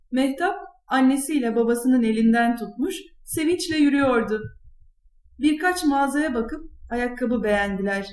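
A woman with a high voice reads a children's story aloud. Her reading is clear and expressive. The recording is roomy and echoey. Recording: echoey room.

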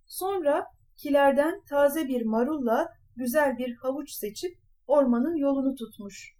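A woman narrating a fairy tale in a calm, measured storytelling manner. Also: sits high.

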